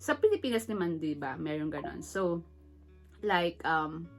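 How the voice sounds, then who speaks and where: A woman's voice: fairly low pitch, lively intonation, measured pace, faint music behind. A middle-aged woman from the Philippines, vlogging in a chatty, emotional way that mixes English into her Tagalog, laughing often. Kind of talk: casual personal vlog.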